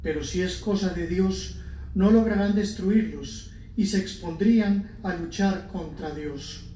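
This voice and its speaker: A man's voice: high-pitched, unhurried, dark tone. A man reading scripture and psalms as a lector, solemn and formal, in an echoing church. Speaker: lector at Mass. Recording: echoey church, distant mic, faint noise.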